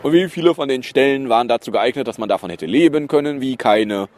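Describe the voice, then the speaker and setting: A man's voice: medium pitch, expressive, fast. A man hosting a podcast, reading news items and adding sarcastic, mocking asides in a loose, hesitant way. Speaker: podcast host.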